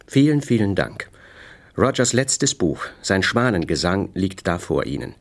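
A man's voice: low voice, big pitch swings, a little slow, heavily acted. A man reading a novel aloud, voicing a proud, wounded upper-class wife who answers with indignant sarcasm. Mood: bitter. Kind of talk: audiobook character voice.

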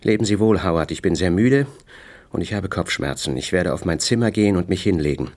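A man's voice: sits low, animated, a little fast, darkish tone. A man reading a novel aloud, voicing a proud, wounded upper-class wife who answers with indignant sarcasm. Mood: bitter. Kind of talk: audiobook character voice.

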